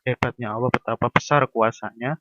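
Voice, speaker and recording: A man's voice: medium pitch, steady tone, fairly quick, a bit bright, dry recording, lo-fi sound. A man giving a casual university lecture, talking through everyday examples and acting out little dialogues.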